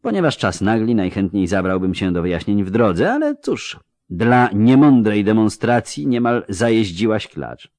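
An ancient elf sage, read by a male storyteller in a spoken fantasy tale, low-pitched and aloof. He talks slowly and quietly, every word measured, with a dry close sound. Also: big pitch swings, dry recording. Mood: calm. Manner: slow, quiet, measured speech.

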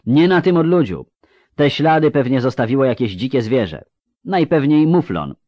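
A man voicing a sarcastic, sceptical young man in a read-aloud story, speaking louder and higher. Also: sing-song, moderate pace, no echo, natural voice.

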